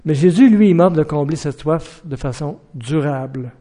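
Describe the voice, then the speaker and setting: A middle-aged man preaches a sermon in an earnest voice pitched a little high. He keeps putting questions to his listeners and breaks into acted-out shouted warnings. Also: expressive, normal speed.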